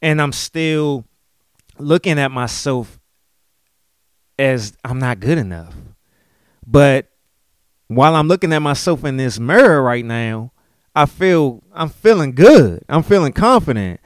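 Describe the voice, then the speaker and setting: A man's voice: mid-range voice, animated, measured pace, pauses often, no echo, studio quality. A man in his late thirties, a podcast host, talking candidly and emotionally about his life, often adding "you know what I'm saying". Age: late 30s. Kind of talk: candid personal podcast talk.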